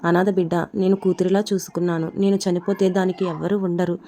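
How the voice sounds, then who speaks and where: A woman reading the lines of a stubborn, gravely ill elderly farmer father, speaking weakly but insistently. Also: lowish voice, little pitch movement, quick pace, mellow, a little hiss or hum, close to an everyday voice. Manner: stubborn, weak yet insistent.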